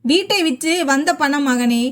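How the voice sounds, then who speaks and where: A woman's voice: high voice, animated, unhurried, fairly bright tone. A woman doing a grave, weary old father. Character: aging father, quiet, finally standing firm.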